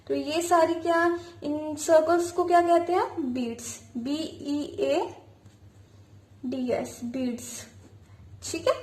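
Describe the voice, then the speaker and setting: A woman's voice: high-pitched, roomy sound. A woman teaching a beginner abacus lesson. She asks the class a question and then answers it herself, spelling out words letter by letter. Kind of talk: teaching with call-and-response questions.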